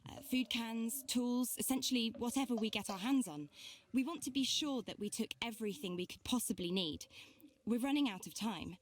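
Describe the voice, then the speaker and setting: A woman with a British accent voicing a young woman's hurried travel journal in a game. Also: fairly high pitch, natural voice. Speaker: game narrator. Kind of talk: scripted journal narration.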